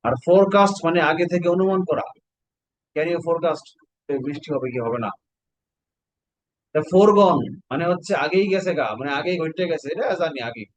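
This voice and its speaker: A man's voice: fairly high pitch, normal speed, pauses often, no echo, poor audio. A Bangladeshi man teaching an online exam-prep class, explaining step by step and quizzing his students with questions.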